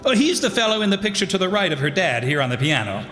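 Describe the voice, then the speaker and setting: Talking quickly in a high, very animated voice, a man portrays an unruffled, evasive adoptive father to a rich young woman in a vintage radio play. He's dismissive and hesitant in his phrasing, and the echoey hall carries background music.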